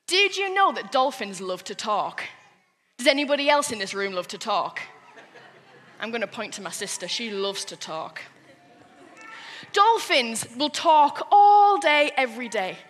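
Woman, high bright voice, animated children's sermon; echoey hall. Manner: lively, animated, playful with the kids. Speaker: children's church speaker.

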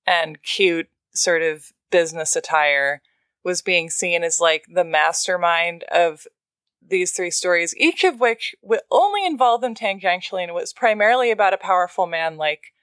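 A woman podcast guest with vocal fry, chatting casually and wryly with plenty of "like" as filler. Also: on the low side, lively intonation, moderate pace, a bit bright, dry recording. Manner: wry, filler-heavy with frequent "like". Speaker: podcast guest, writer and media critic. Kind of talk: casual, humorous conversation.

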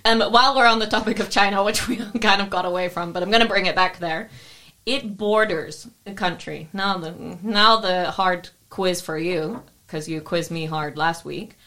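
On a casual podcast she co-hosts, a young woman speaks in a lowish, sharp-toned voice at moderate speed. She sounds tipsy and laid-back, cursing a little and laughing easily.

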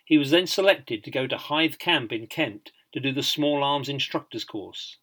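A man reading a biography as scripted audiobook narration in a measured storytelling manner. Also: medium pitch, bright, forceful tone.

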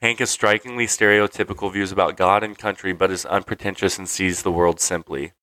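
A man's voice: low-pitched, fairly even intonation, a little fast, sharp tone, no room sound, rough recording. A man hosting a podcast in loose, playful casual chat, swearing freely. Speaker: podcast host.

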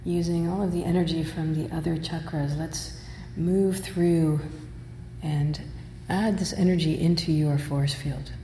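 A woman teacher leading a guided meditation, speaking in slow, measured, soothing instructions with long pauses. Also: low voice, steady tone, warm tone. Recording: roomy hall reverb, faint noise.

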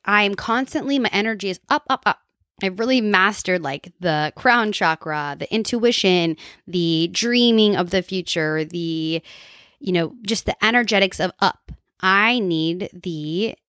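Low-pitched woman, dry close sound, reflective. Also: smooth, dry recording. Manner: reflective, candid, with repeated phrases and casual swearing. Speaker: host sharing personal wellness and spirituality advice. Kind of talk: casual solo spoken monologue.

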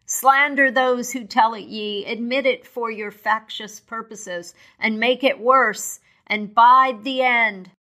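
A woman voicing a sorrowful, stern Christmas spirit, giving slow, solemn warnings in a storybook reading. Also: medium pitch, pushed and bright.

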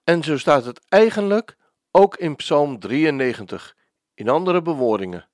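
A man preaching a devotional sermon, slow and emphatic, with dramatic pauses. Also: a little high, expressive, no room sound, studio quality.

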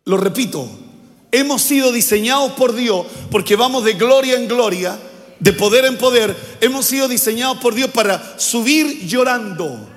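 Older man, pastor, sermon, call-and-response, very high voice, long church reverb. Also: normal speed, fairly bright tone. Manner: preaching with call-and-response to the congregation. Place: church sanctuary.

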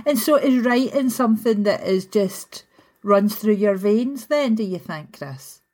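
A woman's voice: mid-range voice, animated, a little slow, a little mellow. Female interviewer from Glasgow with a Glaswegian accent. Medium register, informal chatty questioning. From Glasgow, Scotland. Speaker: interviewer, host. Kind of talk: casual conversational interview.

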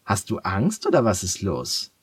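A man with a husky voice voicing a cheerful, kind young girl who wears leg braces, in a storybook reading. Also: on the low side, wildly swooping pitch, a little slow, no room sound, full character voice. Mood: encouraging. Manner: bright, coaxing storybook girl voice.

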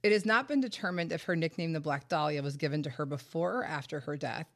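A woman's voice: low voice, quick pace, a little hiss or hum. Wry woman storyteller, stuffed up with a cold. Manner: casual, wry, sarcastic asides. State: congested and short of breath from a head cold. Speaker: podcast host. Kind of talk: conversational true-crime storytelling.

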